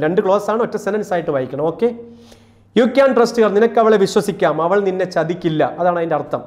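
A man from Kerala teaching English grammar for an exam course, repeating each rule and reading example sentences out slowly. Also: fairly high pitch, darkish tone. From Kerala, India. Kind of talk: classroom-style exam lesson.

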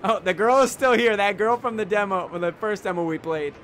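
A young gaming YouTuber plays a video game and delivers let's-play commentary, joking, reacting and talking to his viewers in an animated way. His voice is high and his pace brisk, with a little hiss or hum in the background.

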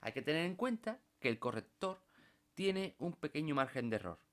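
Patient man teaching software. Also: a little high, very animated, normal speed. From Spain. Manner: patient, explanatory, tags phrases with "¿vale?". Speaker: computer course instructor. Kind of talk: screen-recorded software tutorial.

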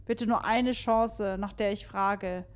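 A woman reading out the slow, pleading note of an obsessive ex-boyfriend in her own voice. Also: mid-range voice, fairly even intonation, close to an everyday voice. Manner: reads a pleading note slowly.

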